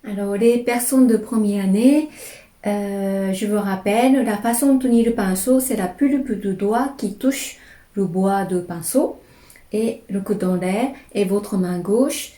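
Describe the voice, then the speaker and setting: Woman slowly walking thru brush strokes, soft mellow voice, echoey room. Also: medium pitch. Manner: slow, calm, describing each stroke as she writes. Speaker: calligraphy teacher. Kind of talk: step-by-step brush lesson.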